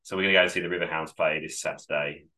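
Racing along in a sharp-toned bass voice with fairly even intonation, he co-hosts a casual podcast, rambling happily and fixing his own words. He's still recovering from a cold.

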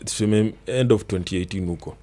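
A man's voice: on the low side, fairly quick, warm tone. A man with a Kenyan accent talking casually, switching between slang and English and repeating words for emphasis. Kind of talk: casual chat mixing Swahili slang and English.

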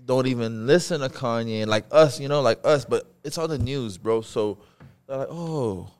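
A man's voice: mid-range voice, moderate pace, darkish tone, clear, resonant tone. A young man co-hosting a casual late-night podcast, talking loosely with lots of profane slang and jokes.

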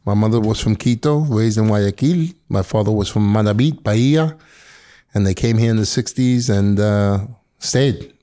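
A man's voice: fairly low pitch, normal speed, warm tone. A man in his early fifties with a Queens, New York accent, chatting casually as an interview guest. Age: early 50s. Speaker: guest, firefighter and actor.

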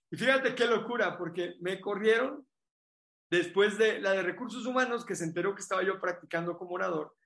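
A man from Mexico with a Mexican Spanish accent, a motivational speaker telling an animated, emphatic story in a casual interview. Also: high voice, vocal fry, echoey room.

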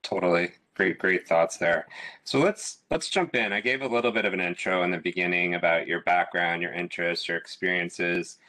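Low-voiced guy hosting, encouraging, kinda bright edgy tone. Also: normal speed. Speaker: interviewer host. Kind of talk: interview questions.

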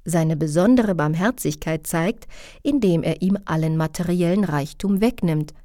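A woman narrating a religious book in an even, reverent reading style. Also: lowish voice, moderate pace, dry recording, clean studio sound. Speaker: audiobook narrator. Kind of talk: scripted narration of a religious text.

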